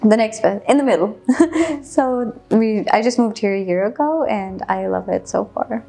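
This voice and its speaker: A woman's voice: on the high side, lively intonation, a little slow, vocal fry, dark tone. A Pakistani woman in her twenties talking as an interview guest, chatty, laughing often and switching between English and Urdu. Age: 20s. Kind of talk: conversational interview.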